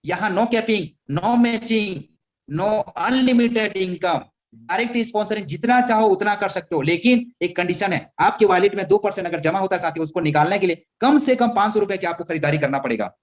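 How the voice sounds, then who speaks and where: A man giving an energetic, persuasive motivational sales presentation as a team leader. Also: sits high, moderate pace. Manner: energetic, persuasive, addresses listeners as friends. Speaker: network marketing team leader.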